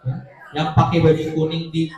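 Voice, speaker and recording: A man's voice: a little high, monotone, moderate pace, darkish tone, dull audio, soft background music. A man hosting a gathering, taking questions from the audience and explaining hospital services. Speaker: event host for a hospital. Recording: very echoey room.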